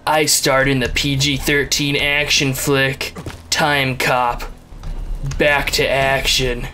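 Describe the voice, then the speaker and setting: A man's voice: medium pitch, little pitch movement, slow pace, bright, forceful tone. Cocky movie action hero, performed by a man, tough B-movie bravado, music behind.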